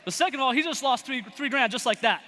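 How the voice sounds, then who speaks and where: A young man giving a motivational talk to a live audience, telling a story with lively acted-out quotes. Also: very high voice, fast talker. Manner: animated storyteller acting out quoted voices. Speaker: motivational speaker. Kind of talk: storytelling keynote speech. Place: large event hall. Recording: long hall reverb.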